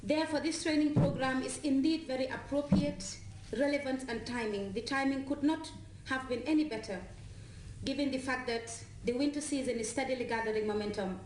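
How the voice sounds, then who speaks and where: A woman's voice: high voice, fairly quick, darkish tone, reverberant, slight background noise, low-quality recording. A woman with a Gambian accent reading a formal prepared speech. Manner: formal, read aloud.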